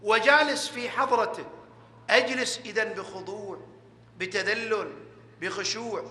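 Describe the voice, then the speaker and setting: A man preaching a colloquial Ramadan night sermon, asking rhetorical questions and swinging between loud and hushed delivery, in a large prayer hall. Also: sits high, a little slow. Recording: echoey hall with long reverb.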